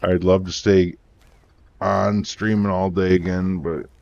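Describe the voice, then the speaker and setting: A man's voice: deep voice, slow, creaky, muffled recording. A man live-streaming a game, chatting casually, sleepy and yawning, thanking his viewers. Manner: relaxed, tired, thanking viewers.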